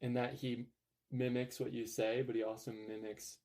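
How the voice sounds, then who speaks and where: Young male podcast host, mellow tone, rambling and upbeat, filler-heavy. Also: mid-range voice, level tone, moderate pace. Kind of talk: casual podcast chat.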